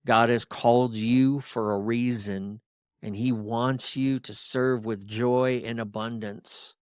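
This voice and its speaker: A man's voice: mid-range voice, fairly even intonation, clean tone, dry recording, studio quality. A middle-aged man hosting a podcast, coaching ministry leaders in a firm, exhorting drill-sergeant tone, firing off rhetorical questions. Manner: rapid-fire rhetorical questions. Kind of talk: podcast monologue.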